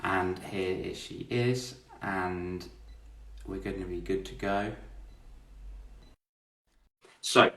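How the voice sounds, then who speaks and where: A man's voice: deep voice, fairly even intonation, takes it slowly, creaky, a bit bright, recorded from a distance. An English man hosting an online interview, upbeat and chatty, often repeating his words. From England. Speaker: host. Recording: echoey room, away from the mic.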